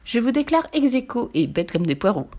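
A woman voicing a cheeky, stubborn little boy in a storybook reading, whiny and excitable. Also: on the high side, brisk, voice pushed up. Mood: cheeky, excited.

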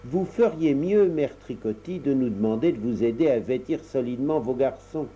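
A man's voice: medium pitch, animated, normal speed, warm tone, breathy edge. A man voicing a chorus of kindly, teasing spiders in a storybook reading. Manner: teasing, coaxing. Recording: dull lo-fi recording.

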